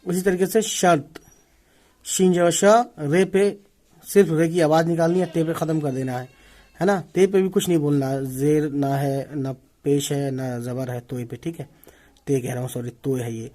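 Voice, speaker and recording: A man with a slightly raised pitch leads an Urdu reading lesson. He patiently sounds out letters and repeats each word slowly for the learners. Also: steady tone, dark tone. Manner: patient, repeats words slowly to drill pronunciation. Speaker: Urdu teacher.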